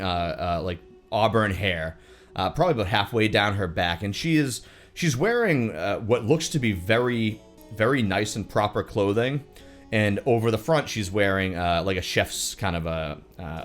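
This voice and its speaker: A man narrating a tabletop game as game master, describing scenes in a halting way with many fillers. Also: fairly low pitch.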